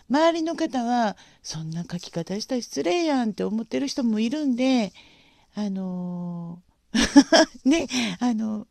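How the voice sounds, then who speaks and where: A woman hosting a casual livestream, speaking gently and politely with frequent pauses and fillers. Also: fairly high pitch, dry recording, studio quality. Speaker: livestream host.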